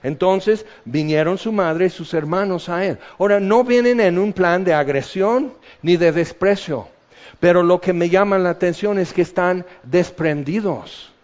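A man's voice: high-pitched, unhurried, darkish tone. A man preaching a sermon, joking and acting out little scenes in different voices. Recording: dull lo-fi sound.

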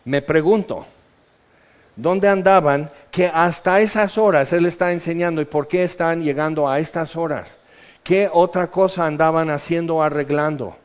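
A man's voice: a little high, moderate pace. A man preaching a sermon, joking and acting out little scenes in different voices. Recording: dull lo-fi sound.

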